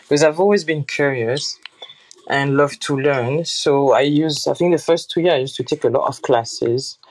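A woman's voice: sits low, normal speed, darkish tone, no echo, low-quality recording. French-accented woman, dry close sound. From France. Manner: loose, unpolished phrasing as she thinks aloud. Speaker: podcast guest. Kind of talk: casual interview talk.

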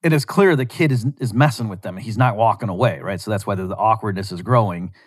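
A man hosting a show, casually retelling a scene from a show in a rambling, animated way with lots of restarts. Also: lowish voice, fast talker, husky, no echo, studio quality. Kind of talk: casual storytelling monologue.

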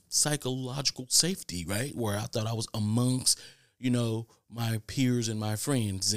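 Male podcast host, low-ish voice, close and dry, emphatic chatty delivery. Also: fairly bright tone, no room sound. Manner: repeats "listen" often, chatty and emphatic. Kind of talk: casual podcast monologue.

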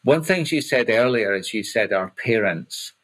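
Scottish man in his fifties, low voice. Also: animated, a bit bright, husky, rough recording. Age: 50s. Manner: halting, repeats words while explaining. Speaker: coach, podcast co-host. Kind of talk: casual conversational podcast chat.

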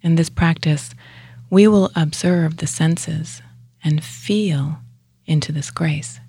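Her voice is low, husky and breathy as she leads a guided yoga nidra session, speaking in hushed, measured phrases that frequently approach a whisper. Short pauses separate each phrase, and the recording is dry.

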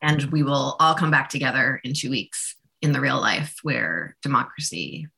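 A woman's voice: a bass voice, moderate pace, creaky, bright, forceful tone. A woman state representative talking earnestly and casually on a radio show, with lots of fillers, from a remote call. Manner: earnest, chatty, many "like" fillers.

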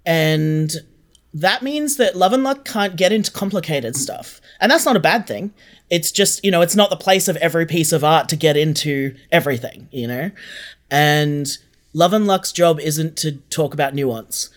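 This man's voice sits fairly high, and he talks at a moderate pace. As an audio drama co-creator guesting on a podcast, he thoughtfully and earnestly explains his views, restating phrases to drive points home.

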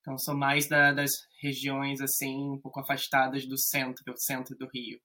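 Carioca guy, bright voice, laid back and a bit hesitant. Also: medium pitch, normal speed. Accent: Carioca Brazilian Portuguese. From Rio de Janeiro, Brazil. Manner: relaxed, hesitant, with many fillers. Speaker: guest, English teacher. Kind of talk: casual chat.

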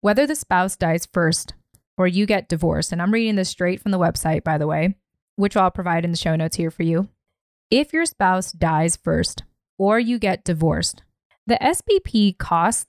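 A woman hosting a podcast, explaining figures in a deliberate, emphatic way with occasional sarcasm. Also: on the low side, no room sound, studio quality. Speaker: podcast host.

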